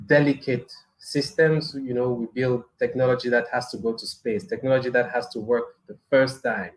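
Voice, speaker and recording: A mid-range male voice comes through poor audio. He's a middle-aged man from Cameroon hosting a weekly live show on space engineering, speaking casually to his viewers in a hesitant way full of restarts, fillers and small chuckles.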